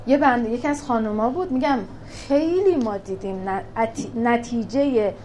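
Lively woman teaching a scripture class. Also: on the high side, a little hiss or hum. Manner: lively, asks rhetorical questions and answers them. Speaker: teacher of a Quran class for women. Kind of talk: religious lesson explaining scripture.

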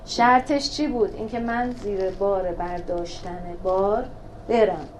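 A woman teaching a religious class on scripture verses. She talks in a lively way, asks rhetorical questions and answers them herself, and recites verses slowly. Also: mid-range voice, a little hiss or hum. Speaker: teacher of a Quran class for women. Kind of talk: religious lesson explaining scripture.

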